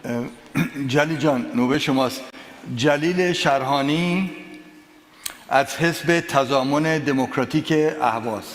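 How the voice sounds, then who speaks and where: A man moderating an event in an informal, conversational way. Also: medium pitch. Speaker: session moderator. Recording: echoey hall with faint noise.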